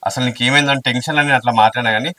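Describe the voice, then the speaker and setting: A man's voice: mid-range voice, steady tone, very fast, pushed and bright, natural voice. A man acting a worried, apologetic young husband in a short film, soothing and pleading. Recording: distant mic with faint music.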